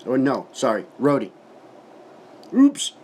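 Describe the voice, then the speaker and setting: A man's voice: mid-range voice, lively intonation, a little slow, a little hiss or hum. A man giving a casual, folksy product review to camera, talking with his lip packed full of dip and swearing now and then.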